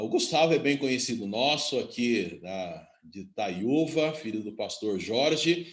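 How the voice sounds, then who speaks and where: A man's voice: medium pitch, echoey room, a little hiss or hum. A male church leader welcoming the congregation and praying in a formal pastoral tone.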